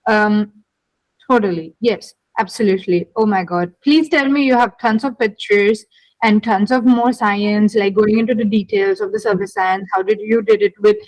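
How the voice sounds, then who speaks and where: A woman's voice: mid-range voice, fairly even intonation, moderate pace, a little mellow, no echo, poor audio. A woman hosting a podcast interview, chatting casually and effusively, often repeating her phrases. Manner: enthusiastic, effusive, repeats herself. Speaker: podcast host.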